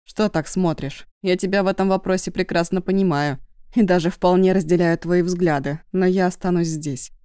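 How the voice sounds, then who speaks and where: A woman's voice: on the low side, fairly even intonation, normal speed, dark tone, clean tone, dry recording, clean studio sound, close to an everyday voice. A woman reading the lines of a young male university student who is sarcastic and irritable.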